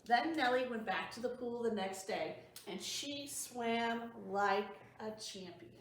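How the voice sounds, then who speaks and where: At a measured pace, a library storytime host with a slightly high, animated voice reads to young children and explains things plainly. The sound is distant and faintly noisy, captured in a very echoey room.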